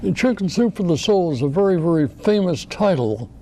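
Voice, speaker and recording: Male host, gravelly and mellow, halting questions, faint noise. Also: high-pitched, expressive. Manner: hesitant, gently stammering questions. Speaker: talk show host. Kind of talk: interview questions.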